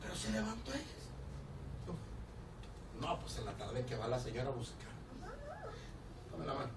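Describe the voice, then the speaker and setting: A man with a Mexican accent preaching a storytelling sermon as a pastor, animated and laughing, acting out the people in his story. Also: mid-range voice, moderate pace, gravelly. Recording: roomy, distant church recording with background noise.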